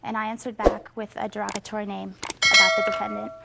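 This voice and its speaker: A young adult woman testifying as a plaintiff in court, recounting events in a measured, matter-of-fact way. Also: medium pitch, little pitch movement, gravelly. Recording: noisy TV courtroom audio.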